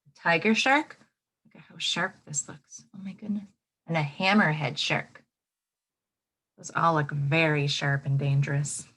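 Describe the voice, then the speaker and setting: Reading to young children, this female elementary school teacher is expressive, pausing to add asides and ask them questions. Her voice sits low.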